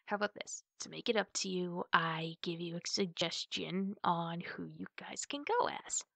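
In this ASMR roleplay, a woman takes on the role of a playful, loving older sister who teases the listener, stretching her words and dropping into hushed asides. Her voice is on the low side and gravelly, exaggerated in delivery, and echo-free.

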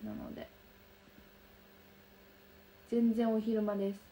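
A young woman with a soft Kansai accent chatting casually on a livestream, reading out and answering viewer comments. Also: mid-range voice, little pitch movement, slow pace. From Kansai region of Japan. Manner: soft, bubbly, chatty with frequent laughs. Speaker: livestream host. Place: room lit by daylight.

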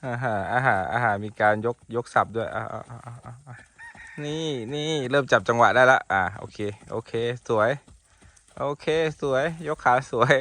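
A man's voice: medium pitch, moderate pace, vocal fry, sharp tone. A man hosting a casual vlog outdoors at a horse paddock, chatting affectionately about a young foal as he films it on his phone. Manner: chatty, affectionate, many polite particles. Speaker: horse breeder and channel host. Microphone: handheld phone.

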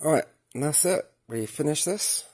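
His voice runs a bit high, a little mellow with a breathy edge, and he sounds animated at a moderate pace. The man presents a product tutorial from an indoor work table, filming hands and device and chatting informally through each step.

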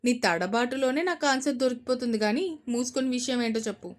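A confident young husband who teases his wife with quick, bossy lines, voiced by a woman reading an audio story. The voice stays close to her own, only slightly lower. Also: lightly acted. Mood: teasing. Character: teasing, confident husband, young adult man.

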